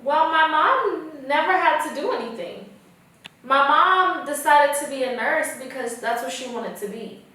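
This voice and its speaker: A woman's voice: high-pitched, animated, a little slow, bright, forceful tone. A young woman from Kenya, a podcast guest, chatting casually and laughing often. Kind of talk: casual chat. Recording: echoey room, far from mic.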